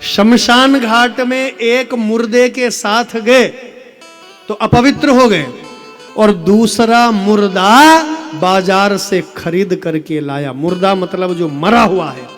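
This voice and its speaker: A man preaching a devotional sermon with fervour, rising to loud exhortation and acting out quoted figures from scripture. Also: sits high, slow pace, soft background music. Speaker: religious preacher.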